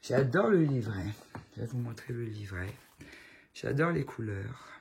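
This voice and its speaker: A woman's voice: a bass voice, lively intonation, a little slow, gravelly, a little mellow, slightly rough. A woman with a cold chatting casually to her viewers at home, fondly showing off new items she loves. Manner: chatty, fond, gushing over the items. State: has a cold, voice affected. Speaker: tarot channel host. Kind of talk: casual show-and-tell chat to viewers.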